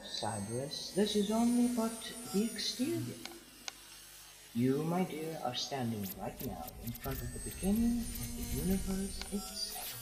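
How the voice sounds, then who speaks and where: A man's voice: high voice, reverberant, full character voice, low-quality recording. A man playing a theatrical, scheming alien villain in a fan audio drama, grandiose and condescending.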